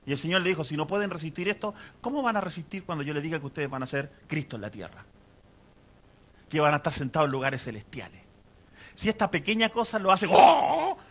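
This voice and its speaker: A man preaches a sermon in a bright, forceful voice that sits a little higher than most men's. He keeps it conversational, putting questions to the congregation as he goes. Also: very animated, brisk. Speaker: pastor.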